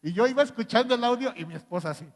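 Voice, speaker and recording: A man with a Mexican accent preaching a sermon as pastor, animated and firing rhetorical questions at the congregation. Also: extremely high pitch, very fast. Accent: Mexican Spanish. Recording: long reverb in a church hall.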